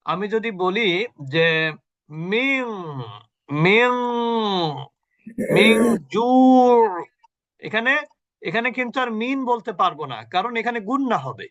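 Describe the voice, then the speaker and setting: A man teaching Quran recitation rules in an online class, explaining patiently, quizzing his students and chanting example words slowly. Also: high voice, bright, forceful tone, highs cut off. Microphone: video call.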